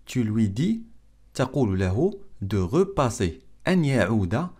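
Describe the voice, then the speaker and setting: Male language teacher, repeats phrases slowly with a lively, animated pitch. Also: breathy edge. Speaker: French teacher. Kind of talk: language lesson explaining phrases.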